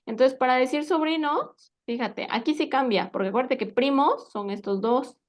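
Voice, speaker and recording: A woman's voice: sits high, normal speed. A woman teaching an English vocabulary lesson, patiently quizzing her student and checking in with frequent tag questions.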